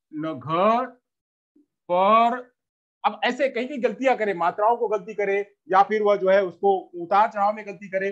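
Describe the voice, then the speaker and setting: A man with a high-sitting voice teaches a teacher-training lesson, explaining step by step with examples and often repeating himself. The recording's highs are cut off.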